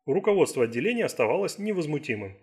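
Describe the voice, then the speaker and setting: A man narrating an audiobook thriller in a steady, measured reading. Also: on the high side, slightly rough. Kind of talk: scripted narration.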